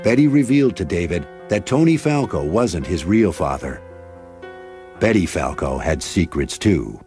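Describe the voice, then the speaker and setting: A man narrating a documentary in a measured, grave storytelling manner. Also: deep voice, lively intonation, a little mellow. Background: music bed.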